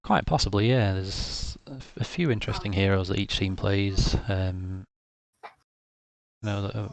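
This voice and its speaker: A man casting an esports match, steady and informative with hesitant fillers. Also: lowish voice, moderate pace, creaky. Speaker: esports caster. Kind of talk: casual esports commentary.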